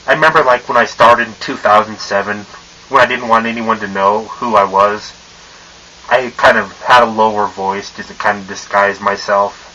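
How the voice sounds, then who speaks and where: A young man rants casually to camera, swearing freely and stumbling over his words between constant fillers. His voice has a bright, forceful edge even though a mask over his face muffles it. A faint hiss sits under the recording. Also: fairly low pitch, moderate pace, rough recording. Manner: rambling and profane, with many fillers and stumbles. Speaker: vlogger.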